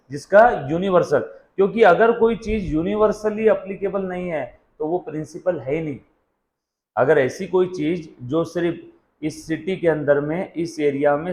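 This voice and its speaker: A man's voice: fairly high pitch, darkish tone. Echoey teacher quizzing his class. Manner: asks students questions and answers them himself; mixes Hindi with English phrases. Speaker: commerce teacher. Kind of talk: classroom lecture. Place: classroom with students and a camera.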